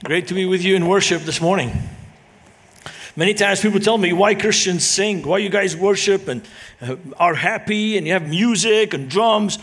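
Guest preacher, higher-pitched man, earnest with jokes. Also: moderate pace, fairly bright tone. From Lebanon. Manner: humorous, storytelling, earnest. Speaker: guest speaker. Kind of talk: church talk to a congregation.

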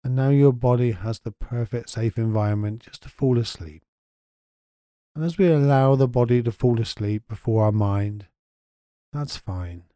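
A man leads a guided sleep meditation in a soft, unhurried voice. His tone is deeply mellow and warm. The sound is dry and close. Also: no room sound. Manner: soft, slow and soothing.

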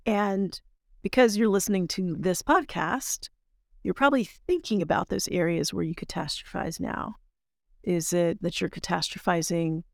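A woman's voice: fairly low pitch, creaky, no room sound, studio quality. A woman hosting a motivational coaching podcast, talking emphatically and repeating key phrases for stress. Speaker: podcast host and life coach.

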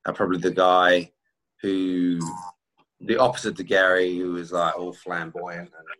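A middle-aged man with a deep, low voice talks casually about sport as a podcast guest. His way of talking is conversational and full of banter. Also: flat delivery, a little slow, a bit bright, a little hiss or hum, rough recording. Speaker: podcast guest, former cricketer.

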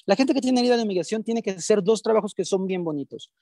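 A woman's voice: medium pitch, lively intonation, fast, warm tone, no room sound, clean studio sound. A woman with a Mexican accent, a guest therapist who explains her ideas emphatically and with everyday examples during an interview. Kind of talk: teaching in an interview.

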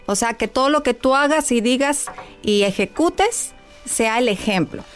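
A woman's voice: on the high side, animated, a little slow, faint music behind. A woman, a child psychologist, explaining parenting advice step by step in an interview. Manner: clear, agreeable, explains step by step.

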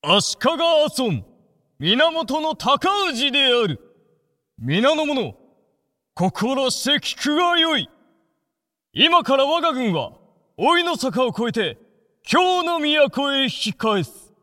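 A man's voice: very high voice, bright, forceful tone, no room sound, clean studio sound, full character voice. A man playing a proud samurai commander, proclaiming grandly to his army like a town crier in a period drama. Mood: solemn, commanding. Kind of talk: period audio drama acting.

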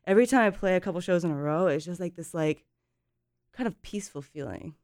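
A woman's voice: on the low side, expressive, fast, a little mellow, no echo, clean studio sound. A young woman who grew up in Japan, a musician in casual conversation, rambling with lots of fillers and an anxious edge. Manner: rambling, filler-heavy, laughs often. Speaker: musician guest. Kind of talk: casual chat.

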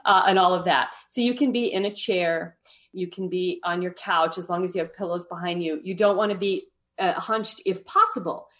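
A woman with a lowish, fairly bright voice talks at a moderate pace as a podcast guest. In this interview she explains her meditation habits in a friendly, explanatory way, often tagging on "right?" and laughing lightly.

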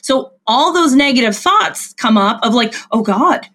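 Blunt, high-voiced woman explaining things casually. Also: lively intonation, normal speed, fairly bright tone. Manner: blunt, informal, acts out imagined dialogue. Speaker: photographer and coach, interview guest. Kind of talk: casual explanatory interview talk.

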